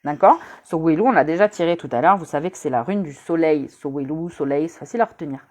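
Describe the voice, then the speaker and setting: Low-pitched chatty woman reading runes. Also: fast talker, darkish tone. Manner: chatty and teasing, addresses viewers directly; frequent hesitation fillers. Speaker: rune reader. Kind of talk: casual live-stream rune reading.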